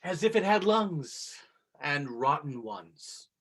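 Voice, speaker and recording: A man's voice: a little high, sing-song, slow pace, fairly bright tone, slightly rough, heavily acted. A man playing a blunt, mocking nobleman in a Shakespearean drama, with a dry, cutting delivery. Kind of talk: Shakespearean stage drama performance.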